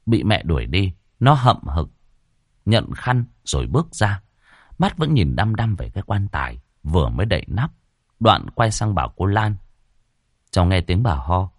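A male storyteller reading a ghost story in a low, lively voice that swoops up and down. He slows down for the suspenseful moments, recorded close and dry with no room sound. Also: no room sound.

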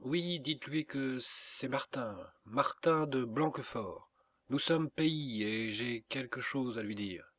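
Un jeune campagnard candide et solennel, lu par un homme. Le ton est appliqué, lent et un peu pompeux, enregistré de près dans une pièce sans écho. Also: male voice, medium pitch, takes it slowly, fairly bright tone, dry recording. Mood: earnest. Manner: earnest, solemn, naive. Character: naive earnest young country man.

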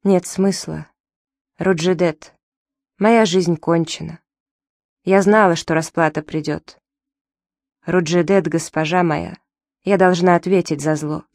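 A woman's voice: fairly low pitch, fairly even intonation, slow pace, pauses often, a little mellow, no echo, clean studio sound. A woman reading the part of an aging, guilt-ridden servant woman who speaks in a mournful, fatalistic way. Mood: despairing.

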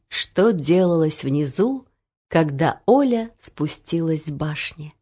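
A woman narrating a children's story in an expressive storytelling manner, on a dull, muffled audiobook recording. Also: lowish voice, husky.

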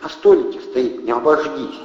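A man's voice: huge pitch swings, moderate pace, gravelly, warm tone, slight background noise. A man reading an audiobook raises his voice to play a young woman coaxing her lover awake. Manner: high, coaxing. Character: young woman, doting and urgent. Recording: dull, roomy, long reverb.

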